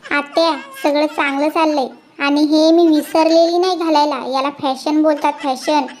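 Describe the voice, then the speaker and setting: A performer voicing a sassy, fashionable young village girl in a cartoon, teasing, with a high pitch-shifted voice. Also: fairly even intonation, moderate pace, a little mellow, a little hiss or hum.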